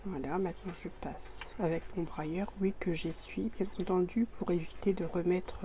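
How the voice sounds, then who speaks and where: A woman explaining a craft project step by step while she works, hesitant, with many pauses and restarts. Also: fairly low pitch, steady tone, dark tone, a little hiss or hum. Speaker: crafting tutorial presenter.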